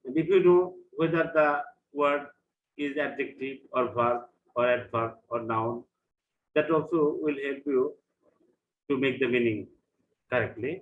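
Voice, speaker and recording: An English lecturer with a Bangladeshi accent teaches vocabulary online, repeating each word along with its meaning in two languages. He speaks extremely slowly in a medium pitch, and the sound is dull, lo-fi and echoey, with slight background noise.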